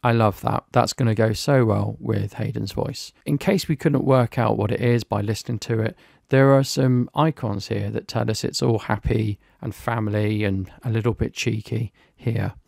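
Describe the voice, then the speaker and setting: A man giving a relaxed software review, talking through each step on screen as he clicks. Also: lowish voice, normal speed, vocal fry, no echo, clean studio sound, faint music behind. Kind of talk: screen-recorded software walkthrough.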